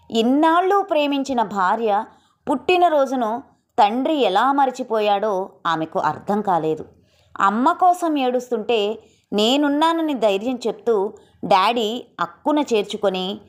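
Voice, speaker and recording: A woman narrating an audio story in a steady, emotive reading style. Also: fairly high pitch.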